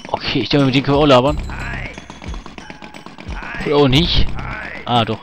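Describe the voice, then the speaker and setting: A man's voice: medium pitch, normal speed. Casual male gamer narrating his playthrough, grumbles and swears, music underneath. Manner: chatty, swears and mutters at the game. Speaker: let's play gamer. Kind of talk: casual game commentary. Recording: game music behind. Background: game music.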